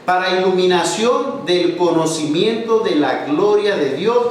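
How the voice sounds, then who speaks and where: A man's voice: high-pitched, expressive, unhurried. A man preaching a sermon, reading scripture aloud and explaining it, asking questions for the congregation to answer. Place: church hall. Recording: echoey hall, from far off, faint noise.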